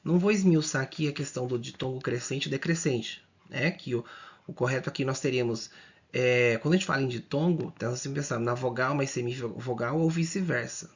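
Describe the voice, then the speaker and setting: Gravelly husky male teacher, lo-fi sound. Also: medium pitch. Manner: explains slowly and repeats, drawing out words, checking in often. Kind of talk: exam-prep grammar lesson.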